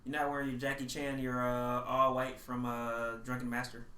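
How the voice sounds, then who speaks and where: Male co-host, bright, slightly high voice, animated anecdotes, roomy recording. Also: normal speed. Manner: animated anecdote-telling with mimicry. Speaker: podcast co-host. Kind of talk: casual chat.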